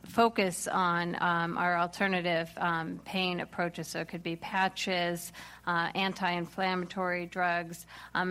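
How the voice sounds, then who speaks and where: A woman speaking for a community health center on a panel, halting with many fillers. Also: fairly low pitch, fairly bright tone, smooth. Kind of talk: panel remarks.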